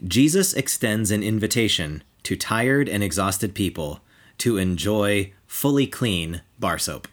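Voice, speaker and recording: Man, lowish voice, playful quiz host, casual chat. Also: lively intonation, a little slow. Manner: playful, quiz-master delivery. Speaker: podcast host running a pun quiz.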